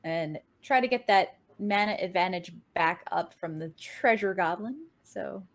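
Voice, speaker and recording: An upbeat woman gives play-by-play for a card game tournament. Her voice sits in a middle range, and she speeds up and rises in pitch as she tracks each move. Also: a little slow. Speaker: game caster. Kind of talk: play-by-play esports commentary.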